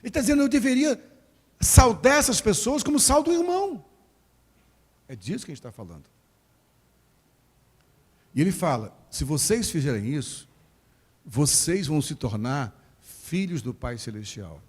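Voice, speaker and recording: A man with a Brazilian Portuguese accent from Rio de Janeiro preaching a sermon at a church service, animated and acting out quoted voices, joking with the congregation. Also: fairly high pitch, normal speed, pauses often, slightly rough. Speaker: pastor.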